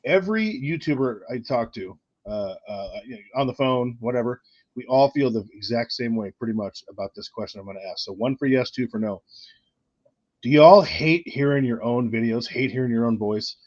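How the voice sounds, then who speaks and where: A man's voice: medium pitch, darkish tone, dry recording, highs cut off. A man hosting a casual livestream chat, often repeating words as he gets going. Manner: halting, repeats words when starting. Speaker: channel host.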